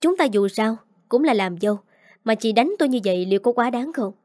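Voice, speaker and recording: A woman voicing a spiteful, sharp-tongued young woman who scolds with contempt. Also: a little high, animated, a little fast, no room sound, clean studio sound, natural voice. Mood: indignant.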